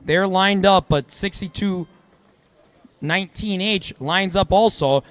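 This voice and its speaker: Man giving halting play-by-play. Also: high voice, fairly bright tone. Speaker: commentator. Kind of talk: robotics match commentary. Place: event hall.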